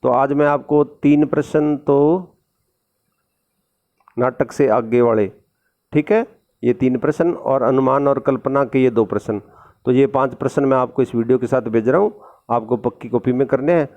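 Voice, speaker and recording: A man's voice: medium pitch, fairly even intonation, normal speed, a little mellow. A man teaching a recorded school lesson with a sore throat, explaining patiently and repeating tag questions. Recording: dull lo-fi recording.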